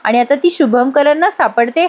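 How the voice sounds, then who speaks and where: A woman's voice: sits high, normal speed, darkish tone. A woman narrating a voice-over review of a TV serial episode. She speaks straight to her viewers and reads out each character's lines herself.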